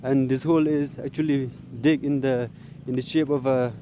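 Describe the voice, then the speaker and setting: This running vlogger, a man with a Northeast Indian accent, speaks casually from an open grass field, hesitant and prone to repeating phrases. His voice is warm and medium-pitched, with fairly even intonation at a normal speed, and there's slight background noise.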